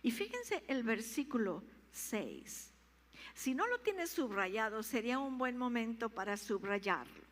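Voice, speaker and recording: Lady pastor, slow fired-up sermon, big echoey church. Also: fairly high pitch, big pitch swings. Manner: emphatic, repetitive, rising to fervent peaks. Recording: reverberant church hall.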